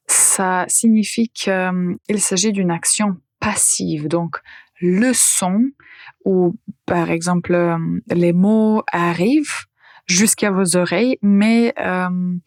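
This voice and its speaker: A woman hosting a language-lesson podcast, speaking slowly and repeating each example sentence for learners. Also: on the low side, a little mellow, no room sound, studio quality. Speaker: language teacher and podcast host. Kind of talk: slow, careful French lesson podcast.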